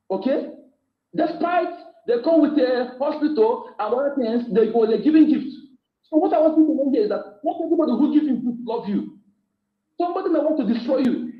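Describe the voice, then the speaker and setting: A man, calling in over a bad phone connection played through a loudspeaker, lecturing listeners in an emphatic, repetitive way. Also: very high voice. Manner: emphatic, repetitive, urging listeners to note points. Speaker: phone-in guest speaker. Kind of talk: informal lecture to a live audience. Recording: echoey, muffled phone line over a speaker.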